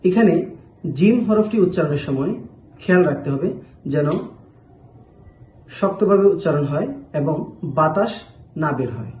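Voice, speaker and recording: A man's voice: on the high side, animated, normal speed, long pauses, a little mellow, reverberant, a little hiss or hum, poor audio. A man giving a patient pronunciation lesson, drawing out each letter sound as he demonstrates it. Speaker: Arabic letter teacher.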